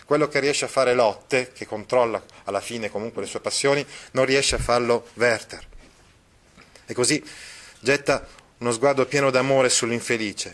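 Guy teaching lit, reads a novel out loud then stops to explain, lots of eh and repeats. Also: mid-range voice. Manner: pauses to comment, with fillers and repeats. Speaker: literature teacher. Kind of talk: reading aloud and explaining a novel.

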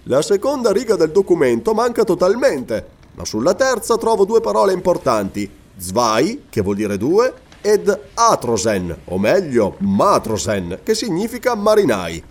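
A man's voice: a little high, huge pitch swings, a little slow, hardly any pauses, voice pushed up, heavily acted. A man voicing an earnest, knowledgeable sea captain, explaining carefully in a read-aloud novel.

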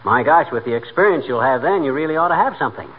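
An actor playing a boastful, bumbling middle-aged husband who rambles and corrects himself in 1940s radio comedy. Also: male voice, on the high side, expressive, quick pace, lightly acted. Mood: earnest, encouraging. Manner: rambling, blustery, self-correcting. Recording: noisy tinny 1940s radio broadcast.

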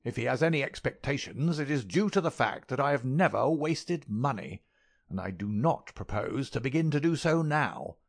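A man voicing a querulous, miserly little old lord with a sharp crackling voice and a jerky, intense manner. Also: mid-range voice, lively intonation, normal speed, gravelly, pitched above the performer's own voice. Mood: indignant, stingy.

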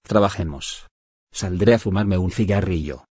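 A man reading the part of a stern, cool-tempered father in an audiobook, speaking calmly and curtly. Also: sits low, moderate pace, slightly rough, dry recording, clean studio sound. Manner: calm, curt and cool. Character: stern, cold older father, middle-aged man.

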